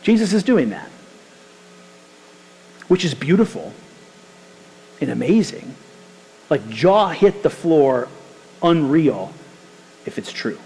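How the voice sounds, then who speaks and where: A man preaching a sermon as pastor, lively and conversational with casual slang. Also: fairly high pitch, slow pace, pauses often, in a large hall, low-quality recording. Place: church sanctuary.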